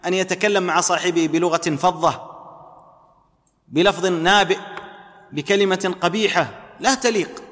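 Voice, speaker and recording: A man's voice: high voice, moderate pace, long pauses, a bit bright. A man giving a religious lesson, explaining and repeating key phrases as he teaches. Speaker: preacher. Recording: long hall reverb.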